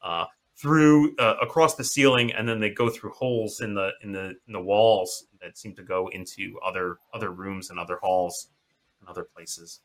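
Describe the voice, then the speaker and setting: A man narrating a horror tabletop game as game master, often restarting his phrases and filling gaps with "uh" and "um". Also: fairly low pitch. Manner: halting, many restarts and fillers.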